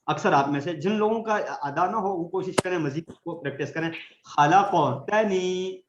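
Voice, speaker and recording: A man teaching Quran recitation in an online class, patiently explaining and slowly demonstrating letter sounds for his students to repeat. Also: on the high side, roomy sound, muffled recording, noisy background.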